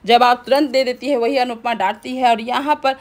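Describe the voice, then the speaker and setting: A woman's voice: on the high side, fairly even intonation. A woman casually retelling the events of a TV serial episode, stringing scenes together with frequent restarts. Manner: fast retelling with restarts and pointing phrases. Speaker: TV serial recap narrator.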